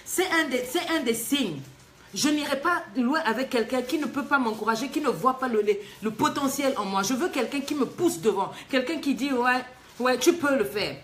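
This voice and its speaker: Animated woman life coach, teasing. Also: high voice, moderate pace, slight background noise. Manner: animated, teasing, emphatic with rhetorical questions. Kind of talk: live advice talk reading a letter.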